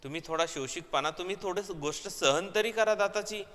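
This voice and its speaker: A man's voice: sits high, fairly quick, fairly bright tone, long reverb tail, voice pushed up. A man reading the lines of a wife who scolds her husband, in a reproachful tone. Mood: scolding. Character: scolding wife, middle-aged woman, nagging.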